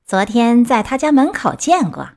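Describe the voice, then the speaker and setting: A woman voicing a sly, scheming male fox in a storybook reading, smooth and falsely polite. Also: a little high, big pitch swings, moderate pace, a little mellow.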